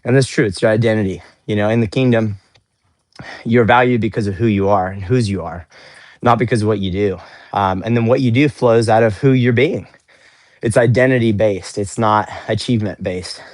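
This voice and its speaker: A man's voice: fairly low pitch, brisk, a little mellow, no room sound. A young man hosting a casual faith-based motivational livestream outdoors in the snow, earnest and upbeat, cooling off after a workout. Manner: earnest, upbeat, repeats words often. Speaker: livestream host.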